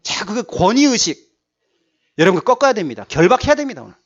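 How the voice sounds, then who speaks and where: A man's voice: high-pitched, sing-song, quick pace. A male pastor preaching a sermon, emphatic and repeating his key words to urge the congregation on. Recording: dull lo-fi church recording.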